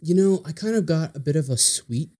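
A man's voice: fairly high pitch, lively intonation, fairly quick, mellow. Friendly, enthusiastic man as podcast guest. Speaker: guest co-host. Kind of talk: casual chat.

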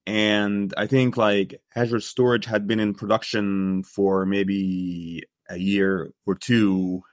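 A man's voice: fairly low pitch, level tone, takes it slowly, dry recording, studio quality. A man in his thirties from Egypt, a podcast guest, talking hesitantly with many fillers. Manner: hesitant, full of uh and like, restarts. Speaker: guest researcher. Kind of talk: casual podcast interview.

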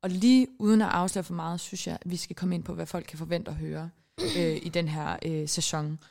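A woman's voice: lowish voice, steady tone, vocal fry, a little mellow. A woman in her twenties from Denmark, Icelandic by first language, co-hosting a podcast in a rambling, giggly, self-mocking chat. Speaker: podcast co-host. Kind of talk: casual chat.

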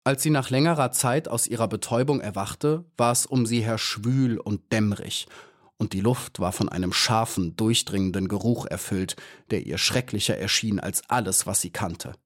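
A man narrating a children's audiobook in a measured, even storytelling manner. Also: fairly low pitch. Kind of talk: scripted narration.

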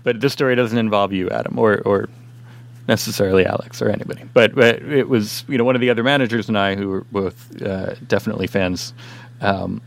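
A man with a low voice, easing into an anecdote in a relaxed podcast conversation, starting and restarting his sentences. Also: fairly quick, vocal fry. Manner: storytelling, hesitant starts. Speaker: former comic store manager. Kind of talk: casual podcast chat.

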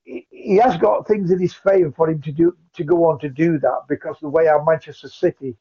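Male caller heard over a muffled phone line, earnest, repeats himself, voice a bit high. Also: fairly even intonation, brisk, mellow, breathy edge. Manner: earnest, repeats and restarts phrases. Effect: heard over a phone call. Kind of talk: casual call-in chat.

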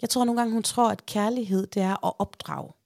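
A woman in her thirties telling a story in a casual chat, lively and animated, often acting out what others say. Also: mid-range voice, gravelly, no echo. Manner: chatty, animated, acts out quotes. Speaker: podcast host.

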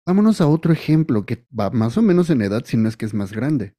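A man with a Mexican accent and a mellow, warm voice at an ordinary pitch. He talks casually on a podcast, setting out his opinions in long stretches. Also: very animated, brisk. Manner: opinionated, makes points at length. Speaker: podcast co-host. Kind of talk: casual chat.

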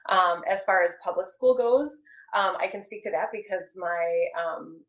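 A woman in her thirties talks earnestly and in a measured way during a casual discussion, often pausing with ums. Her pitch is fairly low, and the room sounds echoey.

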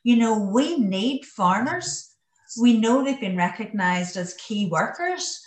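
A woman's voice: on the high side, animated, slow pace. Donegal Irishwoman, roomy and distant. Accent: Donegal Irish, west of Ireland. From Donegal, Ireland. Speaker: podcast guest, farm safety charity worker. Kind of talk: casual interview talk. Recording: roomy echo, distant from the mic.

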